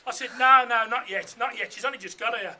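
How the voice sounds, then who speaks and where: Male, middle-aged; piercingly bright, high-pitched voice; jokey, conversational wedding speech. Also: fast talker. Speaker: father of the bride giving a speech. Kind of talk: informal wedding speech with comic anecdotes. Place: room full of wedding guests.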